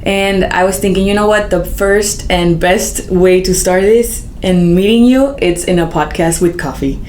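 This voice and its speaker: A woman's voice: fairly low pitch, unhurried, darkish tone, a little hiss or hum. Woman podcast host in an echoey room. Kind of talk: casual interview. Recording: roomy echo.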